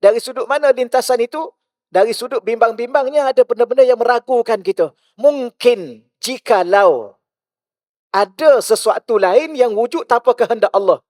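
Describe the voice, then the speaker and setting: A male religious teacher with a Malaysian Malay accent, giving a mosque lecture full of rhetorical questions, shifting between loud and hushed. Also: extremely high pitch, normal speed, dry recording, studio quality.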